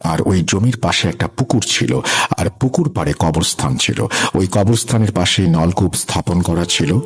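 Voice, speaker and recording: A man hosting a horror radio show, narrating a ghost story in a measured, dramatic way. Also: low-pitched, breathy edge.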